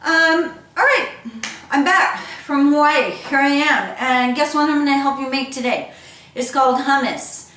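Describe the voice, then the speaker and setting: A woman's voice: sits high, a little slow, a bit bright. Chatty woman cooking host in an echoey room. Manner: chatty, rambling, playful, theatrical exclamations. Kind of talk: casual recipe demonstration to viewers. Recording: echoey room, distant mic, background noise.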